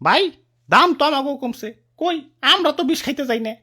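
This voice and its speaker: A woman voicing a hot-tempered talking cauliflower in a cartoon, wailing and ranting in a whiny, gravelly voice. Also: high voice, expressive, a little fast, sharp tone. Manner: wailing complaints that flare into rants. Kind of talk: cartoon voice acting.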